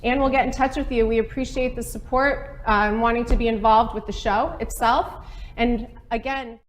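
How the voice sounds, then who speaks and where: Woman host, thirties, high and bright-spirited, chatty live-stream delivery. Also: fairly even intonation, normal speed. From Maine. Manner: upbeat, chatty, laughs often. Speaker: webcast host. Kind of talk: live webcast hosting. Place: studio set with a small table and laptop.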